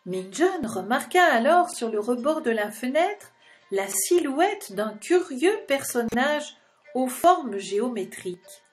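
A woman's voice: high voice, very animated, slow pace, soft background music. A woman narrating a children's storybook expressively and speaking directly to the young listener.

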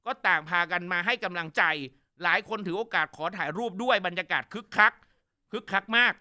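A man hosting a casual news commentary show, animated and gossipy with crude jokes. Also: high voice, a little fast, smooth.

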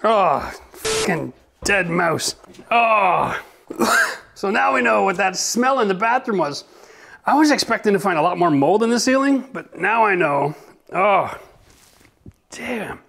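A man's voice: sits high, expressive, takes it slowly, vocal fry, pauses often, fairly bright tone. Chatty upbeat middle-aged man, DIY host. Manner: upbeat, chatty, swears and laughs freely. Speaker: renovation channel host. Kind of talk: casual DIY walkthrough. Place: gutted bathroom in a renovated church, indoors.

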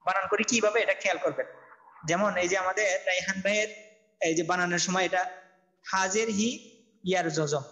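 High-voiced man drilling letter spelling. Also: vocal fry, a bit bright, rough recording. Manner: spells letters and vowels slowly in a drilled, repetitive chant. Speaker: Quran recitation teacher. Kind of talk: online tajweed lesson.

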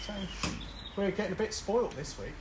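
Sniffly and coughing with a cold, a middle-aged barbecue host runs a casual live cooking stream outdoors in a chilly garden, his high-pitched voice lively at a normal pace. He jokes, chats and rambles with ums, filmed on a phone held by another person, with outdoor background noise audible.

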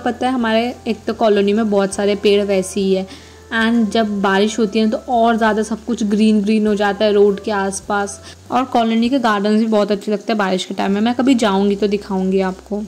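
A woman's voice: medium pitch, little pitch movement, fairly quick, a little mellow. A young adult woman narrating her study day in a casual, rambling way, often correcting herself. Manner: chatty, rambling, self-correcting. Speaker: vlogger, exam student.

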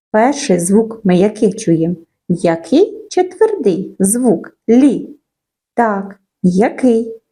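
Slow breathy lady teaching little kids their letters, stretches every sound out. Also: medium pitch, warm tone. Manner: slow, sing-song, stretching sounds and words for children. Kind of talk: children's phonics lesson.

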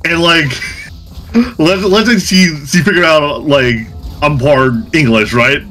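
A man's voice: a little high, takes it slowly, bright, forceful tone, faint music behind. A man chatting casually during a game stream, laughing often and joking around. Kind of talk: casual chat while gaming.

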